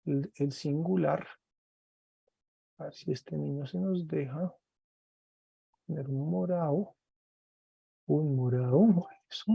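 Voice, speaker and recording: A man's voice: on the high side, slow pace, gravelly, long pauses, slightly rough, no echo, dull audio. A man teaching a Greek class online, patiently drilling word forms and encouraging his students.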